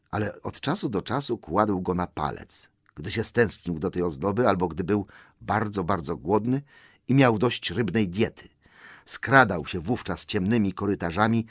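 A man reading an audiobook aloud in an expressive style that builds suspense. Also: fairly low pitch, no room sound, clean studio sound. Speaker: audiobook narrator. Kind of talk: dramatic audiobook narration.

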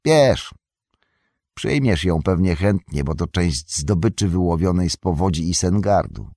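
A man voicing a blunt, cheeky young hobbit who speaks curtly, with a gravelly voice. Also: sits low, animated, a little slow, mellow, no room sound, clean studio sound, exaggerated voice.

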